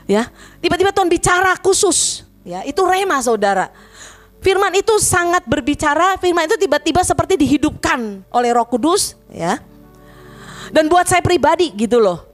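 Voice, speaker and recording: A woman pastor preaching an animated sermon, often turning to the congregation as she speaks. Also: high-pitched. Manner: animated, addresses congregation as "saudara", emotional retelling of prayer. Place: church.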